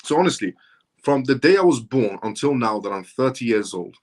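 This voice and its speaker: A man's voice: medium pitch, animated, fairly quick, a little mellow. A man in his thirties hosting a live stream, answering viewer comments and making his points in an emphatic, repetitive, insistent way. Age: 30s. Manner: reads viewer comments aloud and answers them.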